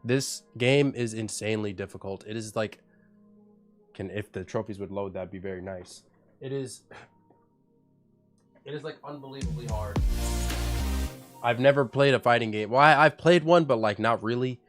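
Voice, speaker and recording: A man's voice: medium pitch, normal speed, long pauses, faint music behind. A man with a stuffy, congested voice, chatting casually on a live game stream, thanking viewers and rambling with lots of restarts. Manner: thanks viewers by name for subscriptions. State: congested from a cold.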